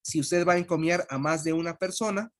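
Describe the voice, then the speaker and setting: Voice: medium pitch, brisk. A language teacher giving an online lesson, patiently repeating and spelling out sounds.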